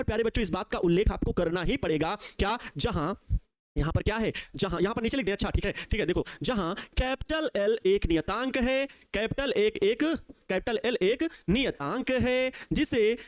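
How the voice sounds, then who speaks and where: Fast, high-voiced Hindi physics teacher. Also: male voice, no room sound, clean studio sound. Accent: Bihari Hindi. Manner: lively, voices student questions himself, coaxing. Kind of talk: live online class lecture.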